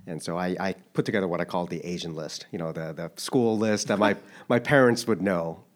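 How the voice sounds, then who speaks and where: Deep-voiced and talking a little fast, this thirty-something man who grew up in Japan is a guest in a relaxed interview. His answers come out hesitant and considered, full of restarts.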